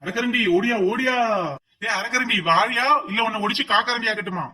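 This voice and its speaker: A man voicing a cheeky, loud female street snack vendor in a cartoon comedy, calling out in a sing-song hawking chant. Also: very high-pitched, fairly quick, distant mic, exaggerated voice. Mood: teasing.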